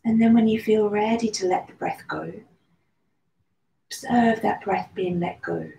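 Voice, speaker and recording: A woman with a soft, mellow, mid-range voice leads a breathing meditation, speaking calmly and slowly. She's a meditation and yoga teacher, offering soothing guidance broken by long pauses. The room is echoey, with faint background noise.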